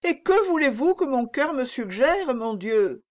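Woman doing a melancholy young princess, gentle but firm, slow, lively pitch, audiobook. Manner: soft, sad firmness. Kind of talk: audiobook reading.

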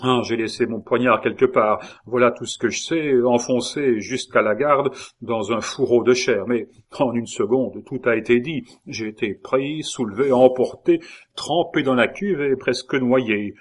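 A man's voice: medium pitch, unhurried, close to an everyday voice. A man reading aloud, voicing a boastful swearing young male courtier who has been dyed blue. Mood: agitated. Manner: blustering, swears oaths. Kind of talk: audiobook reading.

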